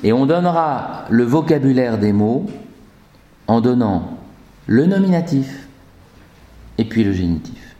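A man teaching a Latin lesson, patient and chanting declensions slowly, in an echoey room. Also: medium pitch, sing-song, dark tone, lo-fi sound. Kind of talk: classroom lesson.

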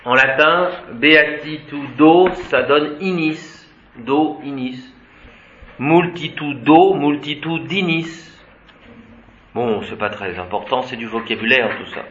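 A man's voice: mid-range voice, slow pace, fairly bright tone, slight background noise. A man teaching a Latin class, reciting declensions methodically and adding short asides. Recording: dull, roomy classroom recording.

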